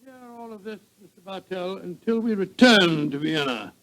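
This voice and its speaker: An avuncular old British doctor from a 1940s radio play. His voice sits very high for a man, and he blusters, repeats himself and spins his tale fondly. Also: lively intonation, moderate pace, fairly bright tone, poor audio. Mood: genial storytelling. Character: elderly genial doctor, fussy storytelling companion of a detective. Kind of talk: 1940s radio drama acting and narration.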